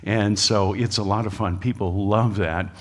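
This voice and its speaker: With a steady, fairly bright tone and fairly low pitch, an American man gives a public creationist lecture at normal speed. He's folksy and jokey with frequent uhs, and the lecture hall sounds big.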